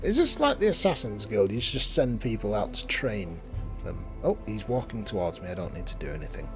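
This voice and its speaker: Sardonic man with animated pitch. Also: brisk. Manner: dry, sardonic, hesitant asides. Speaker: video game let's player. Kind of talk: casual game commentary. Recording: game music behind.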